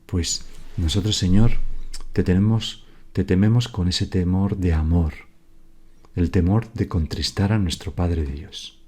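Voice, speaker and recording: A priest giving a daily spoken meditation in a slow, prayerful way, pausing and correcting himself as he goes. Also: low voice, steady tone, dark tone, breathy edge.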